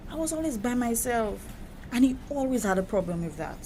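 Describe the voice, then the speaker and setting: In an audio drama, an actress plays a young Caribbean woman who is proud and wounded. She talks conversationally but with emphatic indignation, her pitch very lively and her pace a little fast. Noticeable background noise sits under her voice.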